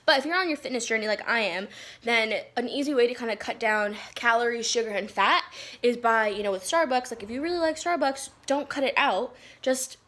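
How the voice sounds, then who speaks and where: Higher-voiced young woman chatting in a roomy space. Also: brisk, fairly bright tone. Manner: chatty, informal, hedging with "like" and "kind of". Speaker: fitness vlogger. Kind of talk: casual vlog chat. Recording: roomy echo, faint background noise.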